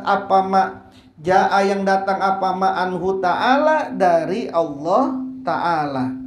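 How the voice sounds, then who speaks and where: Woman religious teacher, kitab lecture, phrase-by-phrase casual explaining; roomy room sound with faint background noise. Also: mid-range voice. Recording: roomy echo with faint hiss.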